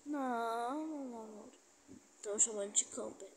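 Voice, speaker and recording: A woman's voice: fairly high pitch, normal speed, slight background noise. A woman giving chatty gameplay commentary, talking to her viewers and teasing opponents. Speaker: gaming streamer.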